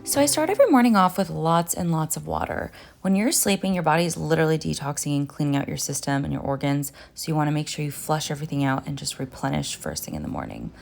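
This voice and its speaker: Her voice is deep and a little mellow, with vocal fry, lively intonation, and a quick pace that leaves few pauses. She's a nutritionist and vlogger from Finland in her thirties, casually and cheerfully telling "guys" about her day of eating.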